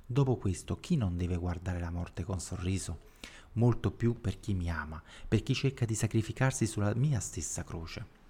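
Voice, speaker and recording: A man reads prayers and devotional passages in a slow, reverent, measured way. His voice sits low and sounds very warm and mellow. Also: a little hiss or hum. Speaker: reader of devotional texts.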